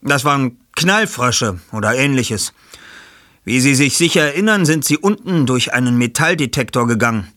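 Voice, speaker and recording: Ein junger Brillenträger, der nüchtern Schlüsse zieht, von einem Mann gelesen in einem Hörbuch. Lebhafte Sprachmelodie, trockener Klang. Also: male voice, medium pitch, animated, moderate pace, pushed and bright, no echo, clean studio sound, voice pushed up. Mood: explaining. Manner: explaining, reasoning. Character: bespectacled young male detective, analytical.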